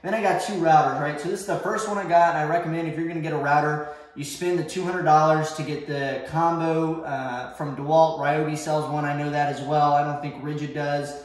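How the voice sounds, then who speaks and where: Brief: young guy, slightly high voice, rambling woodshop tour talk, heavy garage echo. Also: fairly even intonation, fairly quick. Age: young adult. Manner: rambling, filler-heavy, self-correcting. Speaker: woodworking vlogger. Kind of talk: casual shop tour talk. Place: large home garage workshop. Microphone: far camera. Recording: echoey garage.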